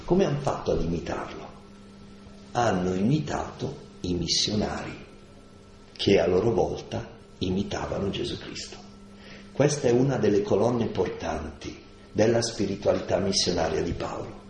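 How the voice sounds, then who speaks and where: A man giving a slow, deliberate lecture on scripture, stressing key words and asking rhetorical questions. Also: on the low side, a little hiss or hum. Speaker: lecturer on Paul's letters. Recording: echoey room with faint ambience.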